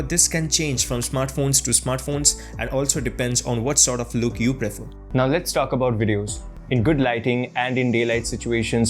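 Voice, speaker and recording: A man narrating a scripted tutorial as the host, giving tidy, encouraging, step-by-step advice straight to viewers. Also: mid-range voice. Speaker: host of a tech tutorial channel. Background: background music.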